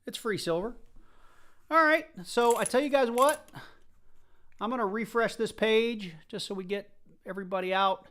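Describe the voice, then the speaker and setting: A livestream host with a light Southern US accent chats casually with his viewers while hunting coins. His voice is high-pitched and a bit bright, at a moderate pace with frequent pauses. He's chatty and rambling, talking straight to the chat.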